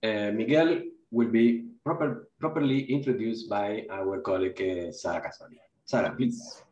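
A man opens a seminar, stopping often on fillers. His voice sits low. The recording is dull and echoey. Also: a little mellow. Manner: halting, frequent fillers. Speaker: seminar organizer. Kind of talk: live seminar opening. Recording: dull echoey room sound.

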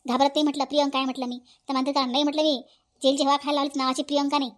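A woman's voice: high-pitched, level tone, rapid-fire, lightly acted. A woman with a Vidarbha Marathi accent voicing Priyanka, a confident young village woman who lectures and scolds in a cartoon. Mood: scornful. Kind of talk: cartoon voice acting.

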